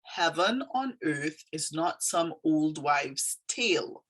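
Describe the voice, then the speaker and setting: This Trinidadian poet, whose accent has a faint Canadian tinge, talks casually about her poem in a low-sitting, fairly bright voice that's animated yet slow. She comes across thoughtful and hesitant, with lots of fillers. The recording quality is low.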